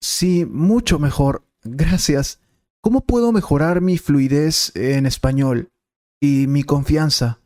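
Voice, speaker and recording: A man's voice: on the high side, slow pace, darkish tone, voice pushed up. A man voicing an eager young adult male student who asks his teacher keen, pleading questions in a scripted lesson dialogue.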